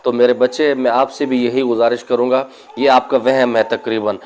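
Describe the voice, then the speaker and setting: A man's voice: mid-range voice, flat delivery, darkish tone, slight background noise. A man, a spiritual healer, speaking indoors and giving earnest, cautionary religious advice to his viewers, with stories from his own practice. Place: indoor room.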